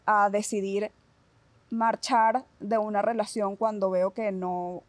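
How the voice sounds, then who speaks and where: A woman psychologist with a Venezuelan accent, calmly explaining ideas in a casual podcast conversation and checking in with her listeners as she goes. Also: mid-range voice, slow, dry recording. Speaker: psychologist guest.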